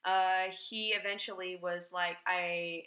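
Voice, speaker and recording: A woman co-hosting a podcast, relaxed as she recounts the details of a case in casual chat. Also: medium pitch, moderate pace. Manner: relaxed storyteller, reads out search results. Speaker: podcast co-host.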